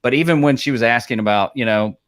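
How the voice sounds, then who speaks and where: A man's voice: mid-range voice, quick pace, a bit bright. A man co-hosting a live streaming advice show, talking casually in a rambling way with many restarts and fillers. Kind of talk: casual chat.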